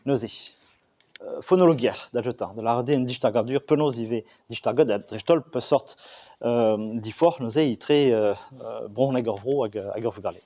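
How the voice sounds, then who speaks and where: A man explains his subject in a halting way, stopping often on fillers and starting his phrases over. His voice is mellow and warm, pitched in an ordinary middle range. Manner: halting, many fillers and restarts. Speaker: Breton language speaker discussing regional and school Breton. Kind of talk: explanatory talk.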